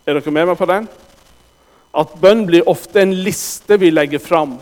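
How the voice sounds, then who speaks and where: A man with a high voice delivers a sermon, stressing his words and turning often to the congregation. His voice carries through a church hall with a long reverb. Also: a little mellow. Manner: emphatic, addresses the congregation directly. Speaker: preacher.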